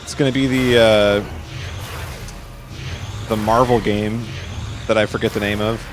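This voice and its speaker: A man's voice: lowish voice, steady tone, measured pace, over music. A man casually chatting with his viewers and answering their questions while he plays a game on a live stream. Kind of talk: live gameplay stream commentary.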